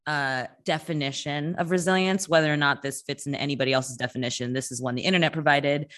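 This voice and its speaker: A woman hosting a podcast, talking in a lively, frank and teasing way. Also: low voice, fast. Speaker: podcast host.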